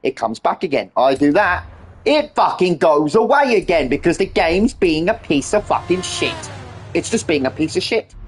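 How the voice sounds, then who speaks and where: Man, game streamer, irritated sweary ranting, fairly high voice, rough husky edge. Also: very animated, normal speed, soft background music. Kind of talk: casual gameplay commentary, ranting at the game.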